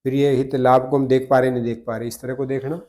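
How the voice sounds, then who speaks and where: An older man, a guest in a conversation, remembers the past in a measured, reflective way and often corrects himself mid-sentence. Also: medium pitch, flat delivery, darkish tone. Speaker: interview guest. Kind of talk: reminiscing conversation.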